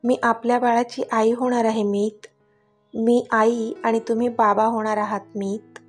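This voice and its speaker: A woman's voice: fairly high pitch, unhurried, slightly rough, faint music behind. A woman voicing a loving young wife who speaks with eager affection in a storybook reading. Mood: tender. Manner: affectionate, excited.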